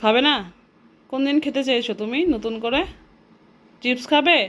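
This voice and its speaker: A young woman vlogs indoors at home, coaxing her children and chatting with viewers. Her voice is slightly high and fairly bright at a normal speed, and the noisy recording picks up passing vehicles.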